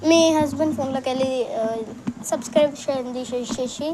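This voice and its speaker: A woman's voice: high-pitched, steady tone, brisk, heavy background noise. A woman with a Telangana Telugu accent, vlogging and pleading emotionally. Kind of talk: casual vlog chat. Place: outdoors.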